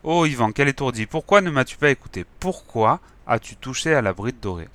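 A man's voice: mid-range voice, expressive, a little fast, fairly bright tone, dry recording, lightly acted. Lougri, a man voicing a loyal wise wolf. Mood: scolding.

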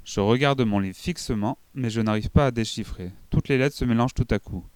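Clear-voiced man reading a storybook. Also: mid-range voice, brisk, dry recording. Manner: expressive storytelling, shouts out the child's cries. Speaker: audiobook reader. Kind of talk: scripted narration of a children's book.

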